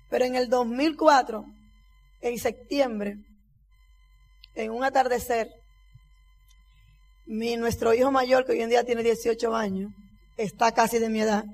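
A high-pitched woman speaks in her forties, giving a heartfelt testimony to an audience. She tells her story with feeling and acts out each line of dialogue. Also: darkish tone. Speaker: motivational speaker. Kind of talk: stage testimony speech.

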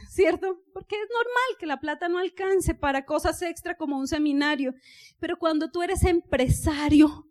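High-voiced Colombian woman telling a story on stage. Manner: animated storytelling, asks the audience for agreement. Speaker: business seminar speaker. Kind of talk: motivational stage talk.

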